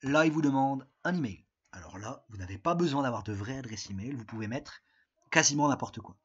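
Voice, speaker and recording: A man from France gives a recorded English lesson, explaining each step slowly and patiently with plenty of hesitations. His voice is husky and sits at an ordinary middle pitch. The sound is dull and lo-fi, as if from a computer mic. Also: animated. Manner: patient, step-by-step instructions with many fillers. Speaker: English teacher. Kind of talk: recorded remote lesson with screen walkthrough.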